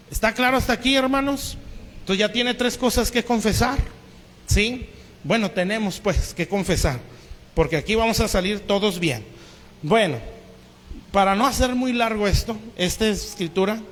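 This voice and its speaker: High-voiced pastor preaching in a hall. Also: male voice, fairly bright tone. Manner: keeps asking the congregation "¿sí?". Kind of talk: sermon. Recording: long hall reverb.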